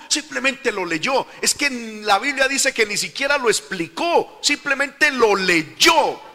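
A man's voice: sits high, sharp tone, in a large hall. A man preaching a fervent sermon, again and again calling his listeners brother.

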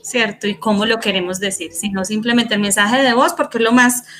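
A woman's voice: mid-range voice, steady tone, brisk, a bit bright. A woman interviewing a teacher, talking in a reflective, conversational way and asking follow-up questions.

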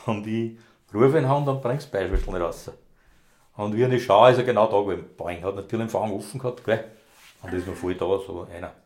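A man spins long, rambling anecdotes from his years handling rescue dogs. He talks casually in thick dialect and often lets his sentences trail off quietly. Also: fairly low pitch, a little fast. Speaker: former rescue dog handler, interviewee. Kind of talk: casual storytelling interview.

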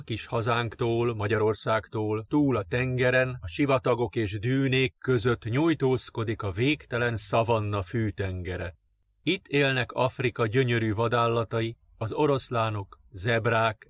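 A man narrating children's fairy tales in a gentle, expressive reading. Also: mid-range voice. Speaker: audiobook narrator. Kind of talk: storybook narration.

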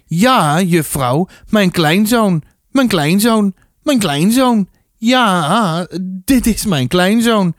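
A man voicing a childlike grown man who repeats his words loudly and excitedly, in a storybook reading. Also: sits high, very slow, no room sound, studio quality, voice pushed up, heavily acted. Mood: proud. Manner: loud, repetitive, sing-song exclamations.

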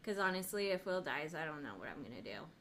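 A woman's voice: deep voice, sing-song, fast, a bit bright, slight background noise. Wry young woman podcast co-host. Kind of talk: casual chat.

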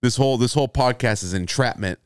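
Man, podcast co-host, laid-back teasing banter, smooth voice, dry close mic. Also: medium pitch, fast talker, no echo. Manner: laid-back, teasing, says dude a lot. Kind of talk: casual banter.

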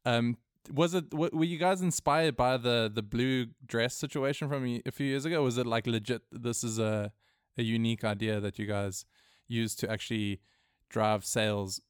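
A man co-hosting a podcast, talking in a halting way with many restarts and chuckles. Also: mid-range voice, fairly even intonation, clean tone, dry recording, studio quality. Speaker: podcast co-host. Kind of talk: casual podcast interview.

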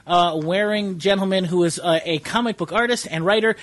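High-voiced male podcast host, halting. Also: a bit bright. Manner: rambling, halting introductions full of fillers. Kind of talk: casual podcast chat. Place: comic book store.

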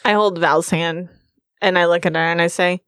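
A woman's voice: on the low side, steady tone, normal speed, fairly bright tone, no echo, studio quality. A woman playing in a tabletop game, explaining her character with loose fillers. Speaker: player. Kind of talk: tabletop role-play.

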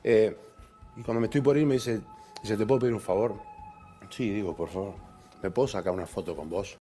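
A man's voice: on the low side, fairly quick, warm tone, soft background music. A man with a Rioplatense accent telling a personal story in an interview, reflective and checking in with the listener. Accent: Rioplatense Spanish. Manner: reflective, keeps asking "you know?". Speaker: interview guest. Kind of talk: candid anecdote telling.

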